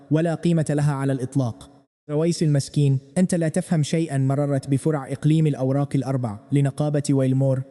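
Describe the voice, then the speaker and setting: Male recap narrator, dramatic first-person storytelling, fairly high voice, long reverb tail. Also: dark tone.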